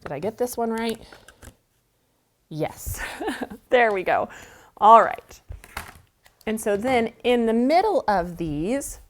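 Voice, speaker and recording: Sniffling with a cold, a chatty woman with a mid-range voice hosts a quilting show from an indoor sewing studio. She talks her way through each step of the friendly tutorial while she works.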